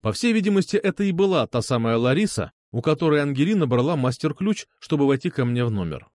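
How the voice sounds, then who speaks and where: A man's voice: a little high, sing-song, fast talker, darkish tone, dry recording, studio quality. A man narrating first-person fiction in a wry, ironic storytelling manner. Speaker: audiobook narrator.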